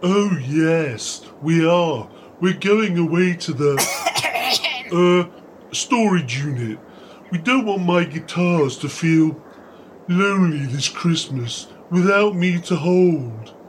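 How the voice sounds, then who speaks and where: A man's voice: on the high side, expressive, slow pace, background noise. A man playing a pompous, peevish composer in a comedy sketch, haughty and dramatic. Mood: flustered. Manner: haughty, dramatic, easily affronted. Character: pompous, peevish male composer and self-styled artiste. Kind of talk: comedy audio sketch acting.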